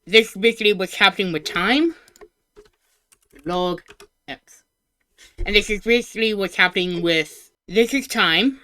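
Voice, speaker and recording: A woman VTuber giving casual live reaction commentary in a cute anime-streamer manner, excitable and informal, swearing and thinking out loud. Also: mid-range voice, a little slow, pauses often.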